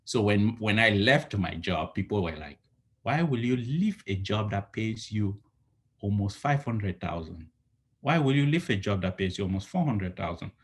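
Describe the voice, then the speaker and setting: A Cameroonian entrepreneur in his thirties, guesting on a casual video call interview from his home living room, offers earnest, rambling advice and often restarts sentences. His lowish voice is expressive at a normal speed, picked up by a laptop webcam.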